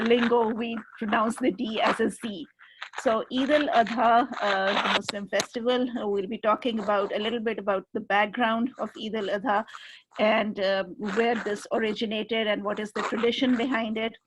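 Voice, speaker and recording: A woman professor gives a patient, step-by-step lecture. Her voice sits slightly high and carries a gravelly, fry-tinged edge. The video call audio is marked by clear background noise. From Pakistan. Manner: patient, explains terms step by step. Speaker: professor giving a presentation. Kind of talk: explanatory lecture.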